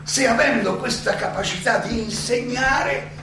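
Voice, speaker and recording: In a distant, echo-heavy recording with clear background noise, an elderly Athenian philosopher on trial spins a sly, storytelling monologue in theatrical, conversational oratory. His high, gravelly voice halts and hesitates, with ironic repetitions and chuckles.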